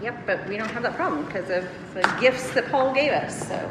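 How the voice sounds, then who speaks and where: A woman's voice: fairly high pitch, expressive, fairly quick, very noisy. A woman co-hosting a satirical comedy chat, talking in a sarcastic, mock-sincere way. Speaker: podcast co-host. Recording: roomy reverb with loud music behind.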